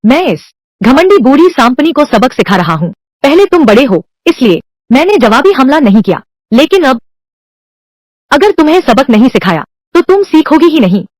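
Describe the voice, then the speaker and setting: A woman's voice: high-pitched, very animated, normal speed, darkish tone, no room sound. A woman dubbing a drama, voicing a brash and combative time-travelling agent who now lives as a young wife. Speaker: dub voice actor. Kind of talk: dubbed drama dialogue.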